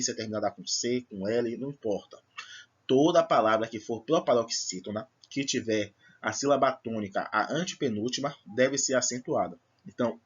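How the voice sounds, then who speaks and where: A slightly rough, mid-range male voice leads a recorded lesson with the highs cut off. His manner is patient and explanatory as he goes step by step, asking "certo?" and "tá bom?" to make sure his students follow.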